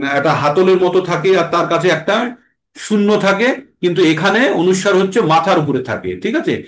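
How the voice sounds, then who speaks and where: A man teaching a class how to pronounce and chant Sanskrit verses, reciting slowly and then explaining. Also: sits high, echoey room. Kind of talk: patient recitation lesson.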